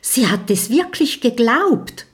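A woman's voice: on the high side, animated, slow, pitched above the performer's own voice. A woman voicing a friendly little male dragon in an audiobook, earnest and encouraging. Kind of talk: audiobook character voice.

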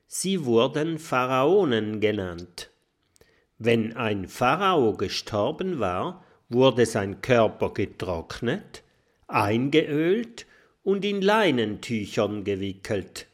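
A man's voice: mid-range voice, big pitch swings, slow pace. A man doing a friendly little dragon. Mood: explaining. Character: young male dragon, friendly and clever.

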